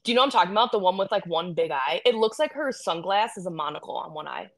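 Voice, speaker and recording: A woman's voice: lowish voice, lively intonation, fast talker, poor audio. A woman co-hosting a podcast, chatting casually with lots of fillers and giggles, rambling a little. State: high. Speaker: podcast co-host. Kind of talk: casual chat.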